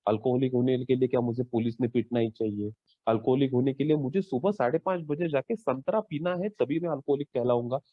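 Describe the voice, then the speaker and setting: A man's voice: a little fast, dry recording. Guy talking recovery, asks lots of questions, muffled dry call audio. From India. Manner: earnest, mixes Hindi with English phrases; rhetorical questions, lively pitch swings. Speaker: AA member sharing his story. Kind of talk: Twelve Step workshop talk. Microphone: online call. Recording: dull lo-fi online call audio.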